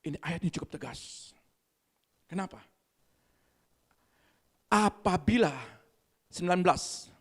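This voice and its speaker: A woman preacher, giving an animated sermon and putting questions to the congregation. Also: lowish voice, slow pace, long pauses, husky.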